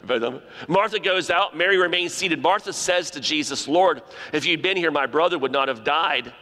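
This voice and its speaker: A man's voice: fairly high pitch, moderate pace, pushed and bright. A man delivering a sermon, emphatic and repeating key phrases for stress. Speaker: preacher. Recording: reverberant hall.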